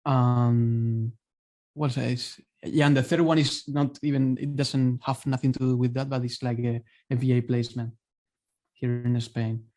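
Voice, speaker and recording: A man with a warm, darker voice talks through his options on a video call. He pauses and restarts as he works through his thoughts aloud. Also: medium pitch, flat delivery. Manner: hesitant, thinking aloud. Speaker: coaching client. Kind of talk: asking questions on a call.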